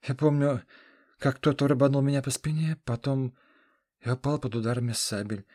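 A man voicing a young wounded soldier who has just come round, confused and a little raised in pitch. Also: fairly even intonation, normal speed, a little mellow, no echo, clean studio sound, natural voice. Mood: dazed. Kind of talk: audiobook character reading.

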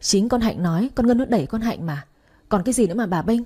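A woman's voice: mid-range voice, lively intonation, fast talker, warm tone, husky. A woman voicing a stern, furious older father-in-law who hisses accusations. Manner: hissing, accusing.

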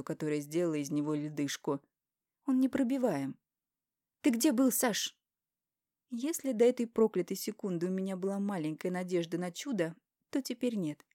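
A woman's voice: on the low side, lively intonation, fairly quick, warm tone, no room sound, studio quality. A woman narrating an audiobook in the first person, with an emotional, confessional reading.

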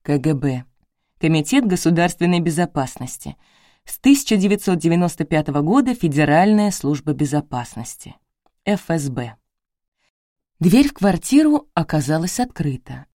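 A woman narrating a novel in the first person, brisk and lightly ironic. Her voice sits fairly low, and the recording is dry and close with no room sound. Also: big pitch swings, dark tone, no room sound. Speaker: audiobook narrator.

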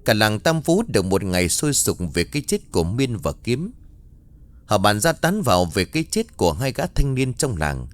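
Low-voiced man telling a ghost story. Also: very animated, moderate pace. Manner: dramatic storytelling. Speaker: narrator. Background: faint music.

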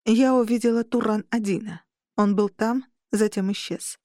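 A woman narrating an audiobook in the first person, with measured, tense storytelling. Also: a little high, steady tone, mellow, no room sound, studio quality.

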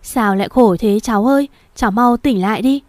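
Scheming middle-aged woman, read by a woman narrator, calm, mellow, audio novel. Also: mid-range voice, moderate pace, no room sound, close to an everyday voice. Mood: feigned.

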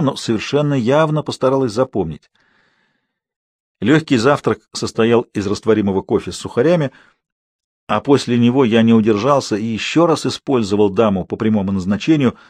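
A man reading a novel aloud as an audiobook narrator, telling the story in an even, unhurried way with light irony. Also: medium pitch, dry recording. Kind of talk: scripted narration.

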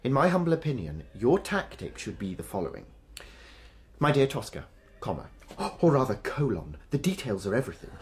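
A man's voice: mid-range voice, sing-song, fairly quick, close to an everyday voice. An actor playing a fussy, pedantic male servant who is ironically deferential to his master. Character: fussy wordy male servant, devoted and cheeky.

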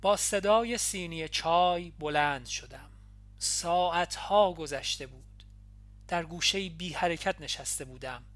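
A woman narrating an audiobook in the first person, calm and measured. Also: low voice, no echo. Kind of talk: audiobook reading.

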